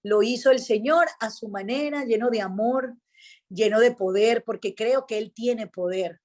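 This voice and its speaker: High-voiced Venezuelan woman telling a story. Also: normal speed. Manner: animated storyteller, acts out dialogue. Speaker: radio host, interview guest. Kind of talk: casual testimony chat.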